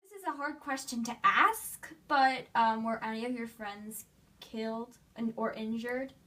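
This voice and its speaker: A woman interviewer speaks softly and sympathetically in short questions. Her voice is slightly high and bright. She sounds set back from the microphone. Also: measured pace, recorded from a distance. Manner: soft, sympathetic, brief responses.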